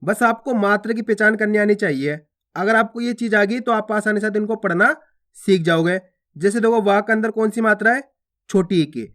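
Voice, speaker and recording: High-voiced man sounding out Hindi syllables. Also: a bit bright. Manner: slow, syllable-by-syllable, repeats questions to the learner. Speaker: Hindi teacher. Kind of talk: spelling lesson, sounding out syllables.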